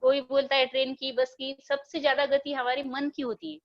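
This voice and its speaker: A woman's voice: high-pitched, flat delivery, moderate pace, no echo, muffled recording. A woman from Maharashtra with a Marathi accent, giving a hesitant motivational talk with a story at a business meeting over a video call, with many fillers and restarts. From Maharashtra, India.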